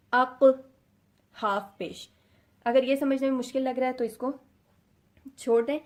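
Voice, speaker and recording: A fairly high-voiced woman with a Pakistani Urdu accent teaches a recitation lesson. She explains each point patiently and sounds out short syllables to demonstrate. English words slip into her speech now and then. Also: darkish tone. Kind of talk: explanatory lesson, addressing students.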